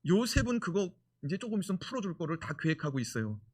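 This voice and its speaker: Animated preaching pastor, man. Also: high voice, fast. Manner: animated, asks rhetorical questions. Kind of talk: sermon.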